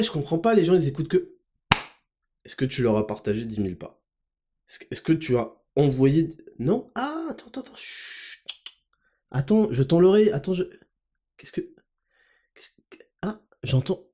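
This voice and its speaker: A man hosting a podcast in a comedic monologue, teasing and mock-angry with sudden shouts. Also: fairly high pitch, sing-song, moderate pace, long pauses. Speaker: podcast host.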